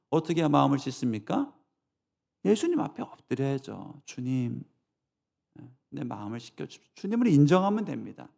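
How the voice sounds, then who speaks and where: Man, pastor, church sermon, gravelly voice, emphatic delivery, rhetorical asides. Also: on the high side, dark tone.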